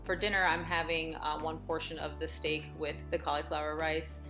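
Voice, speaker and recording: Breathless after a workout, a woman in her thirties casually narrates her home vlog, moving between the living room and kitchen as she covers exercise and meal prep. She sounds upbeat, encouraging and chatty. Her voice is low-pitched and level at a normal speed, over background music.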